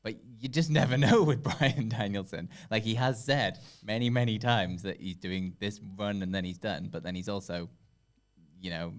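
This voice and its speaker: Male panellist, slightly low voice, relaxed conversational delivery for casual wrestling chat. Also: normal speed.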